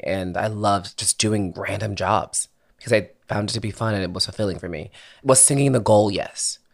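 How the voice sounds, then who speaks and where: In a lowish voice, a young Philadelphia singer-songwriter chats frankly and casually as an interview guest. He laughs easily and swears every so often.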